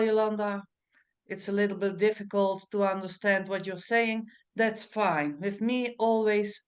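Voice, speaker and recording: A woman teaching guided meditation in a soothing, mesmerizing way with unhurried pauses and non-native English phrasing. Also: mid-range voice. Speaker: trance meditation teacher and medium.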